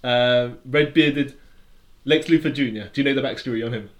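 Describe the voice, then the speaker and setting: A man's voice: mid-range voice, normal speed. A man co-hosting a podcast, explaining at length in casual chat with lots of restarts and fillers. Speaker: podcast co-host.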